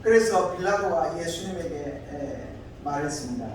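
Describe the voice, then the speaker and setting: A male pastor tells a scripture story in a loose, conversational sermon, pausing often on fillers. His voice sits high for a man. It rings through a big echoing church, picked up from a distance over faint room noise. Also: animated. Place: church sanctuary. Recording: echoey church hall, distant mic.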